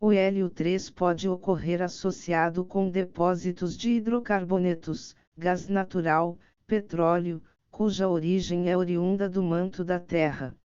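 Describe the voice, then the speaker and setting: A woman reading scripted audiobook narration in a measured, formal way. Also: on the low side, steady tone, warm tone, clean tone, no echo, muffled recording.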